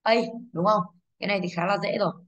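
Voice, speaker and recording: Heard on lo-fi audio, a woman English teacher with a Vietnamese accent speaks fast in a steady, medium-pitched, slightly bright voice during an exam review. She explains patiently, poses rhetorical check-in questions, and corrects herself.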